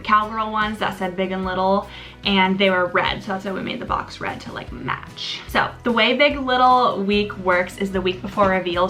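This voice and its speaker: A woman's voice: medium pitch, bright, forceful tone. A young American woman telling a casual storytime vlog like a bubbly sorority girl, gushing and giggly, with lots of "like" in her talk. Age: young adult. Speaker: vlogger, sorority member.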